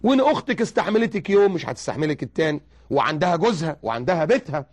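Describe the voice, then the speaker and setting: A man with an Egyptian accent giving religious advice, animated and full of rhetorical questions. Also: fairly high pitch, racing. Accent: Egyptian Arabic. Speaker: preacher.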